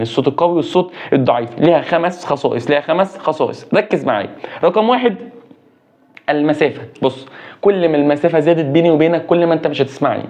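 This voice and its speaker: A man teaching a fast exam review in science with an Egyptian Arabic accent, drilling key points by repeating every phrase. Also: fairly high pitch, darkish tone, lo-fi sound.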